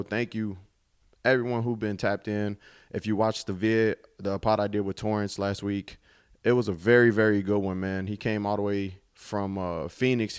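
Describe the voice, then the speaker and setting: Laid-back young man, smooth low voice. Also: a little mellow. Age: 20s. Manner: laid-back, reflective, drops casual swearing. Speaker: podcast host. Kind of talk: casual solo podcast monologue.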